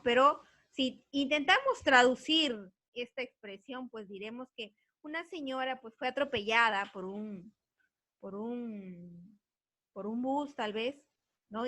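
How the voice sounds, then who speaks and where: Teacher lady, kinda high bright voice, dry close sound, keeps asking "right?". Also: no echo. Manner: earnest, explains patiently, checks understanding with frequent tag questions. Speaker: language teacher. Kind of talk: recorded online grammar lesson.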